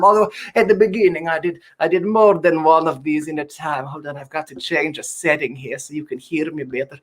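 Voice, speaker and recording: A woman's voice: lowish voice, close to an everyday voice. A woman playing a grand, campy drag-queen-style Eastern European countess and cabaret diva, with a vaguely Eastern European accent and effusive, stammering, theatrical delivery. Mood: gushing, playful. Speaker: cabaret performer and host. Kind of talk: livestreamed cabaret chat with piano songs. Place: at home in an apartment. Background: piano music.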